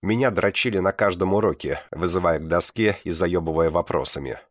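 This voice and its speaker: Low-voiced blunt male narrator. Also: a little fast, no room sound, clean studio sound. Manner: blunt, profane first-person telling. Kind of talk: audiobook reading.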